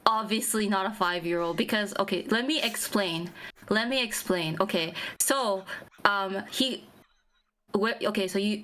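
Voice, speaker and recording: A woman's voice: mid-range voice, fairly bright tone. Give me a young woman rambling through a casual explanation to friends, full of fillers. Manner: rambling, many fillers and restarts. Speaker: streamer presenting to friends.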